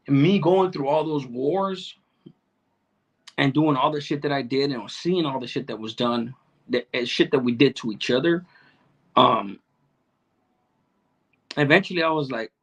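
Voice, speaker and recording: This middle-aged Salvadoran man, raised in Chicano neighborhoods, hosts a livestream and answers chat in a casual way. His mid-range voice has a breathy edge, moving at a measured pace with frequent pauses, and he uses streetwise slang, swears heavily, and often repeats himself.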